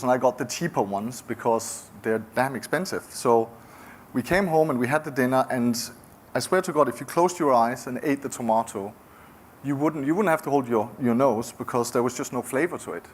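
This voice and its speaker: With a mid-range voice and a Danish accent, a middle-aged man from Denmark talks at a conference about being a founder. His delivery is casual and stop-start, with many restarts, over slight background noise.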